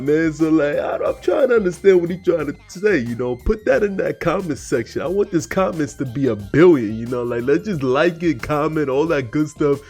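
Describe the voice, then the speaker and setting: Husky laid-back man riffing in slang over a clip, soft music under him. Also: a little high. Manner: laid-back, slangy, rambling, laughs often. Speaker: cartoon reaction host. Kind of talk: casual slangy reaction commentary.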